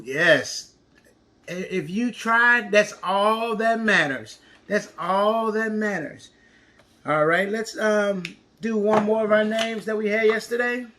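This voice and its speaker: A man's voice: high-pitched, bright, forceful tone. A man teaching an interactive counting lesson to young children, encouraging, with exaggerated reactions and lots of questions.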